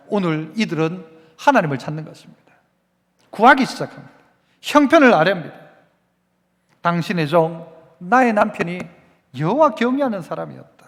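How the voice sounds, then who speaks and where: A man's voice: high voice, a bit bright. A male pastor preaching a sermon, emphatic and repeating his exhortations. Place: church sanctuary. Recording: long reverb in a church hall.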